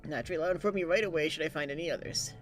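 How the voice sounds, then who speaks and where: A man voicing a courteous, apologetic court librarian from a game, speaking in a formal, deferential and halting way. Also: fairly high pitch, a bit bright, soft background music, natural voice. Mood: mournful, earnest. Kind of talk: character voice reading game dialogue.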